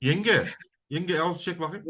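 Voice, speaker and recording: A man's voice: a little high, unhurried, a bit bright. A man working as a spiritual counselor, commanding and repetitive, sometimes chanting prayer words over and over.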